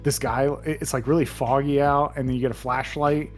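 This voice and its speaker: A man's voice: medium pitch, little pitch movement, brisk, faint music behind. A young man in casual chat with his brother, rambling as he retells scenes from a game. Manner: rambling, retells scenes with put-on voices and laughs. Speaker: co-host.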